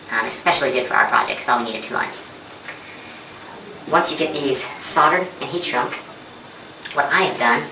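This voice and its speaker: A man giving a methodical, explanatory how-to walkthrough as an instructor. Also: medium pitch. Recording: echoey, distant mic, faint noise.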